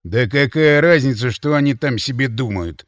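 A man's voice: medium pitch, expressive, moderate pace, no room sound, studio quality, lightly acted. A man voicing a drunk, belligerent young man with slurred, sluggish speech. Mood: surly drunk.

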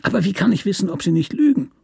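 A man's voice: sits high, expressive, quick pace, gravelly, darkish tone, husky, no echo, clean studio sound, voice pushed up, exaggerated voice. A man doing a whining nasal prisoner. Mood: wary. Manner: hissing, near-whimpering threats. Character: tall hard gaunt male prisoner, whining nasal voice.

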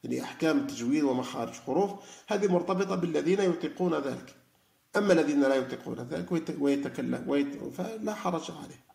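Fast-talking man with a gravelly voice. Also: a little high, animated, darkish tone. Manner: conversational, many fillers and restarts. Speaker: teacher of Quran reflection. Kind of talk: informal religious lesson. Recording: echoey room.

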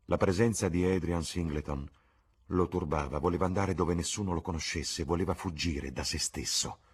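Male audiobook narrator, deep and husky, slow measured literary reading. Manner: slow, measured and dark storytelling. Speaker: audiobook reader.

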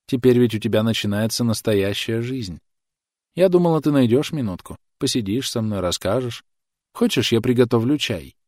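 A man's voice: medium pitch, animated, normal speed, a little mellow, dry recording, clean studio sound, lightly acted. A man voicing a bitter, self-pitying mother who nags her grown son in a plaintive, reproachful way.

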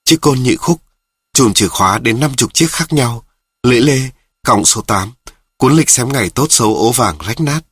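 Husky man reading a story. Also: medium pitch, animated, normal speed, fairly bright tone, no room sound. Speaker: narrator. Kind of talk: reading a short story aloud.

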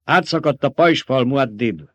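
A man voicing a loyal male desert fighter who shouts urgent reports, in a dull lo-fi audiobook recording. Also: medium pitch, lively intonation, no room sound, voice pushed up, natural voice.

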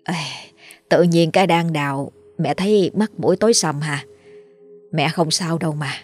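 Woman narrator putting on a feeble elderly mom in a spoken horror storybook, quiet and soothing. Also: low voice, moderate pace, husky, faint music behind. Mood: tender. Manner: weak, whispery and soft. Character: frail elderly mother, gentle and soothing.

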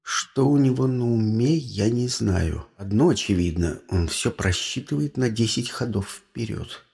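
Gloomy young man, read by a male narrator: slow, low muttering, slightly husky. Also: animated, a little mellow, exaggerated voice. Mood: brooding.

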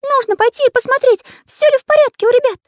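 A woman voicing an excitable little male pencil artist in a storybook reading, squeaky, urgent and insistent. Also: quick pace, no echo, clean studio sound. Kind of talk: storybook narration.

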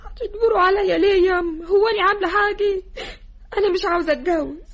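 A sobbing young village girl from an Egyptian radio play, her voice very high and rushing. The old radio recording sounds dull and lo-fi. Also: a little hiss or hum. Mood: tearful pleading. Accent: Egyptian Arabic. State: crying. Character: young village girl refusing marriage, tearful.

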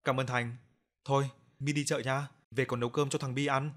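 A man's voice: medium pitch, level tone, moderate pace, a bit bright, lightly acted. A man voicing a tired young village woman who speaks in a resigned way. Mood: weary.

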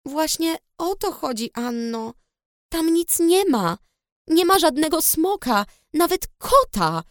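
A woman reading the lines of a worried, blunt blonde teenage girl who speaks loudly and insistently. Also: high voice, sing-song, moderate pace, dry recording, clean studio sound, voice pushed up. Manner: loud and insistent.

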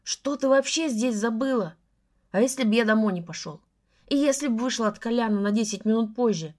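An enraged young man spits curses and threats, voiced by a woman reading aloud. He is rough and hot-tempered, and his voice sits a little higher than a man's usual. It is storybook dialogue, read with force. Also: animated, a little fast, darkish tone, lightly acted. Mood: scolding. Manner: swearing, barking threats. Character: furious young man, rough and foul-mouthed. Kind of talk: audiobook dialogue.

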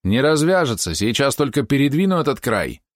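A man voicing a stubborn, eager young village boy in an audiobook, his voice pushed up high and insistent. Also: sing-song, fairly quick, no echo, studio quality.

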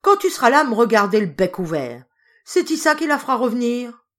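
A woman voicing an angry peasant farmwife who scolds her husband and servant in shrill, rough country speech. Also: big pitch swings, a little fast. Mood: furious. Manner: shrill, scolding, rustic dialect.

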